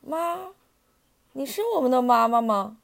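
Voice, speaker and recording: A chorus of tiny tadpoles from a children's storybook, as a woman puts them on, with a squeaky, high, plaintive call. The voice jumps far above the storyteller's own pitch. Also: animated, unhurried, vocal fry, heavily acted. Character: chorus of small eager tadpoles.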